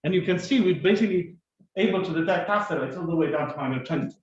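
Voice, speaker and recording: Man giving a talk in an echoey hall. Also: a little high. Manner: fast, halting, many fillers and restarts. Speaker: conference speaker. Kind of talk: scientific conference talk. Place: conference room or lecture hall. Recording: echoey, dull conference recording.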